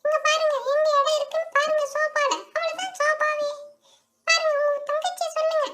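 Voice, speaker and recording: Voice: very high voice, flat delivery, a little fast, sharp tone. A female performer voicing a reproachful older sibling doll in a doll story play. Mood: pleading. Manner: reproachful, nagging.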